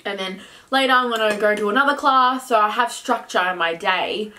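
A woman's voice: mid-range voice, fairly quick, pushed and bright, poor audio. A woman in her twenties chatting casually at a table as a guest. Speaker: guest, sister of host, fitness instructor. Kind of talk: casual chat. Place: small room indoors at a table. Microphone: camera a short distance away. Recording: background noise, clinking cutlery and bowls.

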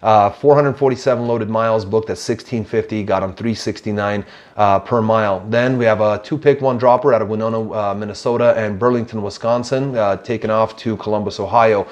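A man in his thirties with a lowish voice runs through freight loads and per-mile rates, peppering the figures with "uh" and "you know". He sits in a small office on a lapel mic. The sound is a bit dull and muffled. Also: fairly even intonation. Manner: brisk, number-heavy delivery with frequent "uh" and "you know". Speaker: truck dispatch company host. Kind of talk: business recap to camera. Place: small office, indoors, seated in leather chair.

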